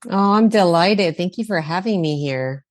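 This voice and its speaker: A woman from India talks as a dentist guest in an animated, loose way, full of ums and repeated words. Her voice is low for a woman. The recording is dry and close. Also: moderate pace, no echo. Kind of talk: casual interview talk.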